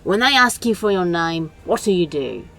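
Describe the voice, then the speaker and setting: A woman's voice: lowish voice, big pitch swings, normal speed, gravelly, a bit bright, soft background music, full character voice. A woman voicing a sardonic, bossy male demon in a fan audio drama, talking in a dry, exasperated, scolding way.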